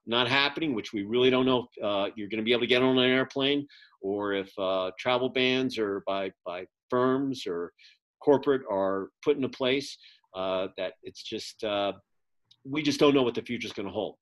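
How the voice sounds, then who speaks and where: A middle-aged magazine publisher and event producer gives a casual, rambling update full of fillers over a video call from his home office. His medium-pitched voice is a bit bright, and the webcam recording is low quality.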